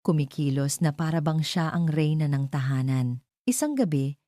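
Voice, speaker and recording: A woman with a Filipino accent narrates a scripted dramatic story in a low, warm voice with lively intonation at normal speed. The studio sound is clean, with no room sound.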